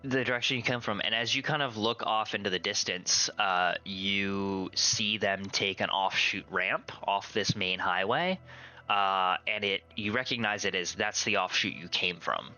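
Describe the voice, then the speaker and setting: A man improvising narration as game master of a tabletop game in a casual, halting way. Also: lowish voice, sharp tone, soft background music, poor audio. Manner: casual, halting, searching for words.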